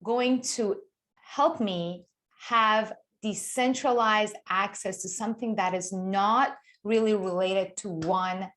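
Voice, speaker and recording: A woman's voice: medium pitch, fairly even intonation, slow pace, a bit bright. A woman from Iran, a guest author giving an enthusiastic webinar talk over a remote call microphone, explaining with frequent restarts. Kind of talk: webinar presentation.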